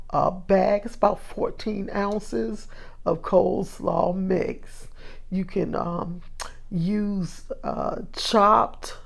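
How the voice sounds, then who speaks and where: Woman cooking host, homey and chatty, unhurried delivery, gravelly voice, home kitchen. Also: medium pitch, a little mellow. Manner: chatty, homey, with frequent fillers. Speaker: cooking vlogger. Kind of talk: casual recipe demonstration.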